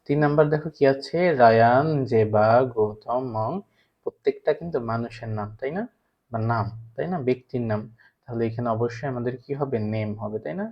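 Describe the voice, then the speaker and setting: A man's voice: mid-range voice, fairly quick. A man with a Bangladeshi Bengali accent teaching an English class for primary students. He keeps asking the class questions and then answers them himself. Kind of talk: online class lecture. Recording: slightly dull lo-fi recording.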